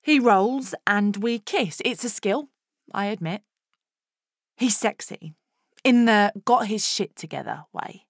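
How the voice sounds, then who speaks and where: A woman's voice: mid-range voice, lively intonation, slow, dry recording, clean studio sound. An actress playing a candid, brash Essex woman in her thirties, telling a wry first-person monologue in colloquial style. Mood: wry, reflective. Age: 30s. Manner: colloquial, frank, wry asides.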